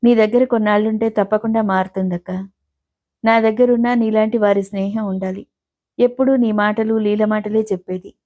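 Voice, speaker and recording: A woman voicing a gentle, affectionate young woman who speaks sympathetically in a storybook reading. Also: mid-range voice, steady tone, normal speed, lightly acted.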